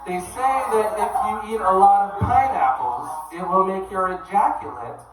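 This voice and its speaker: A man doing a deadpan, halting stand-up set in a comedy club, from Canada. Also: high voice, loud music behind the voice. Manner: deadpan, hesitant with many ums and uhs. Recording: very echoey room, from far off.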